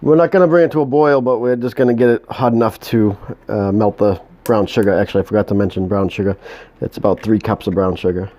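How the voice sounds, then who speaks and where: A home cook with a New England accent demos a recipe casually in his kitchen, his voice low with a dark tone. He mumbles and halts, restarting his sentences again and again.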